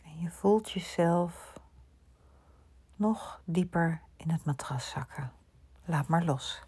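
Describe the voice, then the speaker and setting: A woman guiding a listener through a slow sleep relaxation, speaking softly and often in a whisper. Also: fairly low pitch, slightly rough. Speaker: sleep meditation guide.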